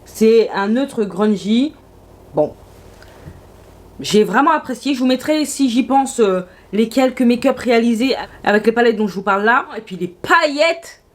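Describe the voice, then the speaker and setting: A woman's voice: fairly high pitch, moderate pace. A woman vlogging casually about her makeup, gushing and exclamatory in a chatty way. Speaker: beauty vlogger.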